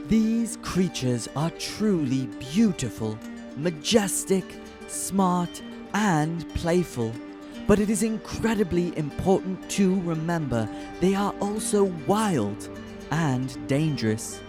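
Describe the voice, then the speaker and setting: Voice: mid-range voice, lively intonation, takes it slowly. A narrator delivering a scripted mock nature documentary in a solemn, dramatic manner. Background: background music.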